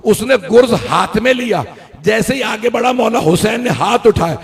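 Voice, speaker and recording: High voiced guy preaching a mourning majlis, slow telling then wailing chant, big hall echo. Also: lively intonation, vocal fry. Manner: narrates slowly, then breaks into loud sung, shouted lament. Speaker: Shia majlis speaker. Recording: hall with long reverb.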